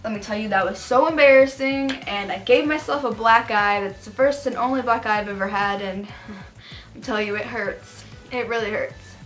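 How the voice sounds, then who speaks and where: A woman's voice: a little high, moderate pace, a bit bright, faint music behind. A young adult woman casually telling personal stories to camera in a chatty, gossipy, emphatic way. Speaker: storytime vlogger. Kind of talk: casual confessional storytelling to camera.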